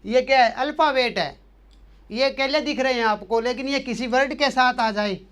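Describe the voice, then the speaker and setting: A man's voice: very high voice, normal speed, a bit bright, smooth. A man teaching the German alphabet, patiently drilling each letter by asking a question and then answering it again and again. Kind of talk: language lesson explaining letters.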